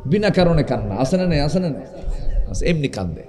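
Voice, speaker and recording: Loud preacher, chanting verses. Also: male voice, fairly high pitch, very animated, a little fast, soft background music. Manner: loud exhortation with bursts of shouting; quizzes the crowd with call-and-response questions. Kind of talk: sermon with chanted scripture recitation.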